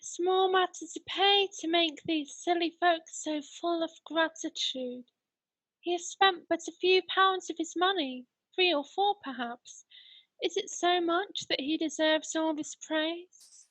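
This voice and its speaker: Childlike spirit of Christmas past, female performer: very high, bright voice, cool and solemn, radio play. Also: measured pace, dry recording, poor audio. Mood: cool, testing.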